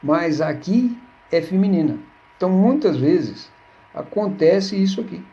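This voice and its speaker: A man's voice: high voice, expressive, a little slow, mellow. A man teaching a Hebrew grammar lesson, patiently repeating words and checking with his listeners. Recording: dull lo-fi recording.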